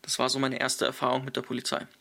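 A young man recounts a story in a casual, animated way, acting out other people's lines and filling pauses with fillers. His voice has a gravelly rasp and a bright, forceful tone. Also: mid-range voice. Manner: animated, acts out quotes, many fillers. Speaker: guest.

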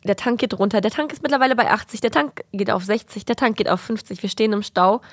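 A woman's voice: medium pitch, fast talker, no room sound, clean studio sound. A young woman co-hosting a podcast, casually telling a long anecdote, acting out family members' lines and mixing in English words. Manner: animated anecdote-telling with quoted voices and English words mixed in. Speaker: podcast co-host. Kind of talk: casual chat, storytelling.

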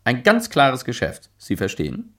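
An actor playing a brash, cheeky young gangster in a German radio crime comedy, speaking in a blunt, teasing, sly way. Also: male voice, mid-range voice, huge pitch swings, moderate pace, fairly bright tone. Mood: blunt, impatient.

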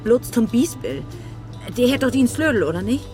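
Brief: dry practical daughter, music behind. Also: female voice, fairly high pitch, sing-song, moderate pace, darkish tone. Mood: matter-of-fact. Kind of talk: film drama acting.

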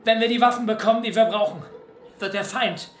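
Actor doing a high-voiced defiant commander, roomy echo. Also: male voice, fairly quick, faint music behind, lightly acted. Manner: rousing, solemn speech. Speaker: resistance commander. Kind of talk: audio drama acting.

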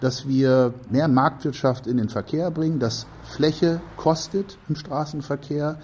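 A man's voice: a little high, fairly even intonation, unhurried, a little mellow, a little hiss or hum. A man giving explanatory interview answers, building his points in repeated clauses. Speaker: transport advocate interviewee. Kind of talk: spoken interview argument.

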